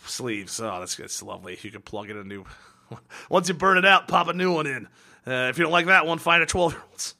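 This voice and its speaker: Male podcast co-host, fast and forceful, profane and exasperated in casual chat. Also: fairly high pitch, animated, gravelly.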